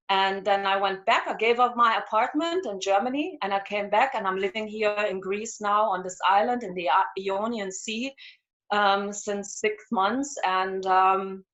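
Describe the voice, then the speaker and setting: Hungary-born woman in her 40s, earnest, halting, on headphones, dull call sound. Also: medium pitch, a bit bright. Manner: earnest, moved, hesitant with fillers. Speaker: community member. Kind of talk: casual chat on a video call. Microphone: headphones on a video call.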